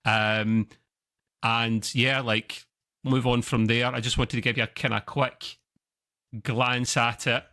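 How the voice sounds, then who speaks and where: A man hosts a relaxed gaming podcast, chatting along in an excitable, rambling way. His voice is bright and a touch tense, and it climbs sharply whenever he gets worked up. He sounds like a regular who knows his co-hosts well. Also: slow pace. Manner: excitable and chatty, jumps up in pitch when enthused. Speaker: podcast host. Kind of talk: casual chat about video games.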